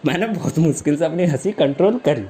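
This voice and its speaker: A man's voice: a little high, lively intonation, quick pace, dark tone, slight background noise. Casual chatty male stand-up comedian. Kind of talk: stand-up storytelling.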